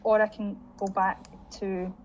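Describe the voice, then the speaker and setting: A woman trainer talking teachers through a software tutorial while sharing her screen, chatty and full of "again" and "um". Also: medium pitch, level tone, unhurried. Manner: chatty, leans on "again" and "um" as she demonstrates. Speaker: digital learning trainer. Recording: dull lo-fi audio with faint hiss.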